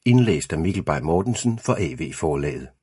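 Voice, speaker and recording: A man narrates an audiobook in a steady, measured way. His voice sits very low and has a husky edge. The recording is close and dry, with no room sound. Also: no room sound. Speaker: audiobook reader. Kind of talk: scripted first-person audiobook narration.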